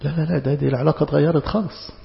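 A man's voice: on the high side, fairly even intonation, racing. A man preaching a sermon with an Egyptian accent, in a conversational style full of rhetorical questions. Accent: Egyptian Arabic. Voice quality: gravelly. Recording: long hall reverb, dull sound.

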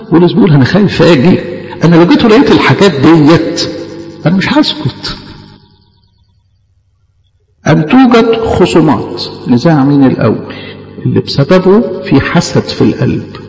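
A man with an Egyptian accent preaching at a rapid clip in a somewhat high, gravelly voice. He fires off rhetorical questions and plays out little back-and-forth dialogues. The sound is dull and lo-fi, with a long echo in a big hall. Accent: Egyptian Arabic. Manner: lively, asks rhetorical questions and acts out both sides of imagined exchanges. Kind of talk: sermon. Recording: echoey church hall, dull lo-fi sound with faint music.

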